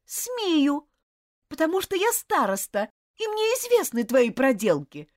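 A woman reading an audiobook, voicing a fiery schoolgirl monitor who is indignant and insistent, with shrill outbursts. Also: very animated, normal speed, no room sound, studio quality. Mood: accusing. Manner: shrill, pleading, loud outbursts.

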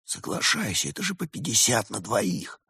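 A man's voice: mid-range voice, sing-song, a little fast, fairly bright tone, breathy edge, no echo, studio quality, pitched above the performer's own voice. A man voicing a playful, greedy male spirit of summer in a read-aloud fairy tale, speaking cheekily.

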